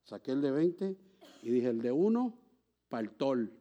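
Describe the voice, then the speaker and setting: A man preaching a sermon as pastor, telling a personal story with lively acted-out dialogue and laughter. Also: medium pitch, a little slow, dull audio.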